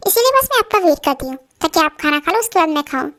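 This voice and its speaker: A woman playing a very high-voiced coaxing young wife. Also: sing-song, fast talker, fairly bright tone, heavily acted. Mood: affectionate. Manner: coaxing, pleading. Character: young devoted wife, a college student. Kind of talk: amateur voice-over drama.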